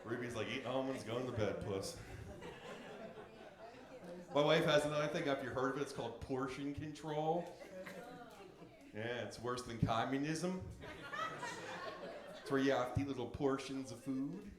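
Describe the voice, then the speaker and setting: A middle-aged man doing a stand-up comedy set, brash and profane with deadpan punchlines, on a club stage. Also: medium pitch, normal speed, pauses often. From United States. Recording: roomy club with crowd laughter. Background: audience laughing.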